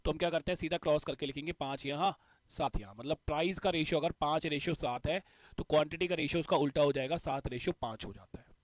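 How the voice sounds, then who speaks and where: A man's voice: fairly high pitch, fast, no room sound. A male teacher explaining a math concept step by step, repeating the key points. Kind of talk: exam-prep math lesson.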